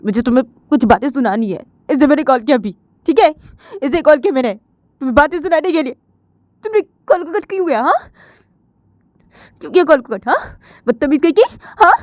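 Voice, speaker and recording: A woman voicing a hurt young woman who cries while scolding her girlfriend, in a high, tearful voice. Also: animated, fairly quick, dry recording. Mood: tearful anger. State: crying.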